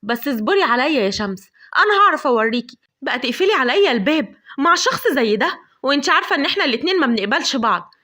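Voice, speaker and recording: Brief: woman voicing a hot-tempered young Egyptian heroine, high and rapid, shrill outbursts. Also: close to an everyday voice. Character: fiery proud young woman, quick to anger.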